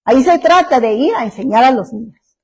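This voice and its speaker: High-voiced woman pastor preaching. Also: lively intonation, brisk, darkish tone, slightly rough, poor audio. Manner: emphatic preaching with rhetorical questions. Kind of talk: sermon.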